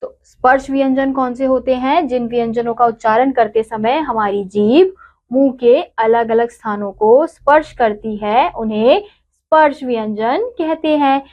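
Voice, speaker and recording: A woman teacher giving a grammar lesson to children, slowly spelling out each syllable and example word. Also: fairly high pitch, a little mellow. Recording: dull lo-fi recording.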